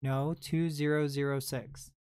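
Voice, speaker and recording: Smooth-voiced man chatting on a livestream. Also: mid-range voice, little pitch movement, unhurried, darkish tone, dry recording, clean studio sound. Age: 20s. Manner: chatty, answers viewer comments aloud. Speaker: livestream host and reseller. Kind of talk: casual livestream chat.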